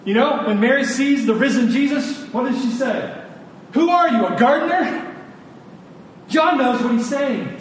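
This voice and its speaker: Speaking at a normal speed, the preacher addresses his congregation emphatically and informally, repeating phrases for emphasis and adding colloquial asides. The large room sounds echoey, the mic is distant, and a faint rumbling noise lingers.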